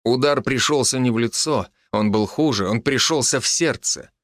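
A man narrating a scripted story with expressive, dramatic delivery. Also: mid-range voice, normal speed, dry recording, studio quality.

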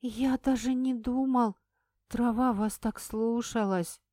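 A woman voicing a stubborn ten-year-old village boy who talks gruffly and sniffles in an audiobook. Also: on the high side, fairly even intonation, slow pace, warm tone, no room sound, pitched above the performer's own voice. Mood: timid. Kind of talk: audiobook character voice.

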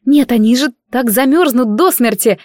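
A woman's voice: on the high side, normal speed, darkish tone, no room sound, studio quality, pitched above the performer's own voice, natural voice. A woman voicing a caring young heroine. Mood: pleading. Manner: earnest pleading. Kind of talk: audiobook character voice.

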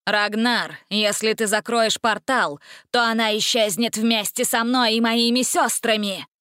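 A woman's voice: a little high, normal speed, a bit bright, clean tone, no echo, studio quality, lightly acted. A woman putting on a gloating, menacing witch. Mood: threatening. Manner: menacing, triumphant.

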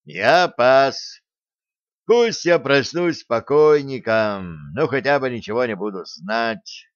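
A man's voice: medium pitch, slow pace, no room sound, lightly acted. A man voicing a sarcastic, weary male captain in an audiobook. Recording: dry, slightly dull recording.

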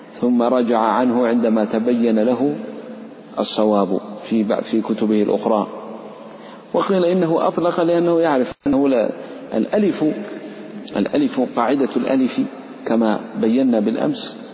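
A man's voice: medium pitch, warm tone. A man teaching the rules of Quran recitation, explaining patiently and chanting short recited examples. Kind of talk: lesson on tajweed rules. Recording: echoey hall, dull lo-fi sound.

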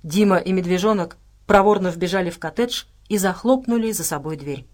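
A woman narrating an audiobook in a steady, measured way. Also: on the low side. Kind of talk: scripted narration.

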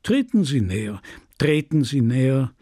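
A man's voice: high voice, measured pace, darkish tone, dry recording, studio quality, pitched above the performer's own voice. A man voicing a fatherly male councillor coaxing an old woman forward in an audiobook reading. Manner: formal, coaxing, raised voice.

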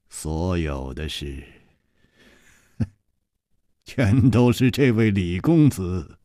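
A male storyteller voicing a composed, wry male hero who speaks low and measured with soft sighs. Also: no room sound, clean studio sound.

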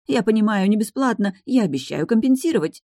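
A female narrator plays a fussy, gushing older woman in charge, her voice lifted higher than the reader's own and fluttering with flattery. Close, dry sound. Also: a little fast, no room sound. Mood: flustered pleading.

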